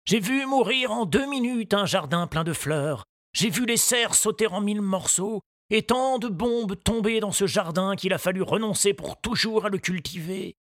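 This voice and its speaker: A woman voicing an old, kindly male gardener who speaks slowly and gravely. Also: a little high, lively intonation, a bit bright, no echo, studio quality, voice pushed up, full character voice.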